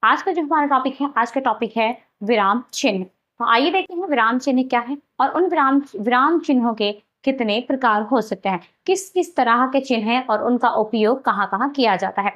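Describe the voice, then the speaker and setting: Woman, teacher, fairly high voice, Hindi accent, explanatory, repeats herself, self-questioning. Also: normal speed, fairly bright tone, dull audio. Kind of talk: explaining a grammar lesson.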